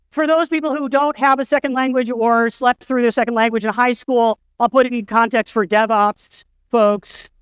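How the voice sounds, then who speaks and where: With a very high, fairly bright voice that rings clear and resonant, a middle-aged man gives a storytelling keynote from an indoor conference stage. There's no echo, and his anecdotes lean on wry humor at his own expense.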